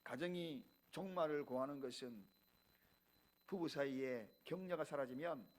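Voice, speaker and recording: A man in his fifties preaching a Sunday sermon in a church, acting out family conversations and swinging from hushed asides to loud emphasis. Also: mid-range voice, measured pace, rough recording. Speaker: pastor. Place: church sanctuary.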